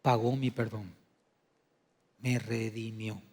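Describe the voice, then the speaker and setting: A man preaching a sermon as pastor, dropping to a hushed, low delivery and then rising to loud, emphatic declarations. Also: little pitch movement, slow pace, husky. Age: adult. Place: church sanctuary. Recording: long reverb of a church hall.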